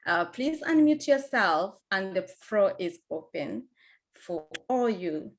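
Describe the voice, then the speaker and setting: A woman's voice: medium pitch, sing-song. A woman hosting an online event, introducing the guest in a courteous way. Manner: slow, courteous. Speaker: host. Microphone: video call.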